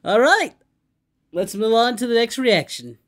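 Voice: mid-range voice, sing-song, a little slow. A performer voicing Goku as an upbeat cartoon hero who gives casual, approving reaction commentary and often stumbles over repeated words. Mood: pleased. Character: Goku, cheerful cartoon martial-arts hero reacting to music. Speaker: reaction video host. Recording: music playing behind.

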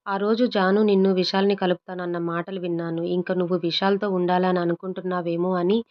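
A woman's voice: on the low side, level tone, quick pace, dull audio, natural voice. A woman voicing a playful young husband in a storybook who pleads and teases. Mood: pleading. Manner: pleading and teasing.

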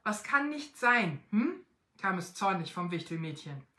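Squeaky scolding elf girl, as a woman puts her on. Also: lively intonation, unhurried, fairly bright tone, roomy sound. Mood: angry. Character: small angry female Christmas elf girl.

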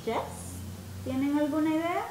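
A woman teaching a grammar lesson, patiently checking that her students follow and slowly repeating words for them to hear. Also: high voice, mellow, roomy sound, a little hiss or hum, rough recording. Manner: patient, checks understanding often. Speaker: English teacher.

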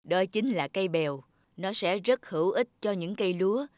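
Woman playing a calm wise old Buddha spirit. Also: mid-range voice, normal speed, no echo, studio quality, lightly acted. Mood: solemn. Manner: calm, solemn, instructive. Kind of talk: cartoon voice acting. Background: children's music.

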